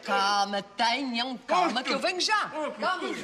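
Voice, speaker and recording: A woman's voice: sits high, lively intonation, unhurried. An actress playing a fussy, motherly middle-aged wife who speaks in a flustered, fussing way. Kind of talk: sitcom acting.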